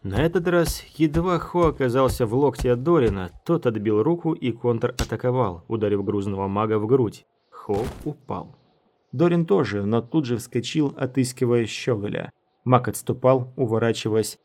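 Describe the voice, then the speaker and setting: Man, audiobook narrator, scripted narration, steady, even, middle-pitched voice. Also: moderate pace, slight background noise.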